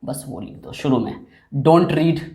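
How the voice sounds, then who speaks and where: A man's voice: mid-range voice, expressive, slow, warm tone. A man teaching an English lesson, patiently explaining and drilling example phrases over and over while working at a board. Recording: echoey room.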